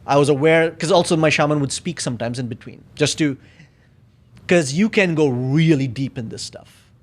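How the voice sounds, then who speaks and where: A man's voice: fairly high pitch, moderate pace. A man talking as a podcast guest in casual conversation, reflective and searching for his words with frequent fillers.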